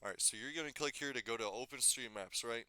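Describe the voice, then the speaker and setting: A man giving a casual screen-recorded software tutorial, thinking aloud and correcting himself as he goes, slightly losing his voice. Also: medium pitch, fast talker, no echo. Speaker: tutorial maker.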